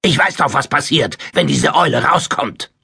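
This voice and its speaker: A man's voice: medium pitch, sing-song, normal speed, gravelly, bright, forceful tone, breathy edge, no echo, clean studio sound, heavily acted. A man voicing a blustering, bullying middle-aged uncle who bellows his tirades in an audiobook. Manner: roaring, table-pounding tirades.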